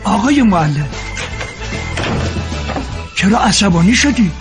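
A man voicing a calm middle-aged father in a dubbed drama, gently teasing and knowing. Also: sits high, music in the background. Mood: wry. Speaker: student's father.

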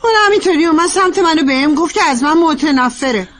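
Worried young wife, high pitch, animated, fretful, dubbed drama. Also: female voice, soft background music. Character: anxious, gentle young wife. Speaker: wife and daughter-in-law.

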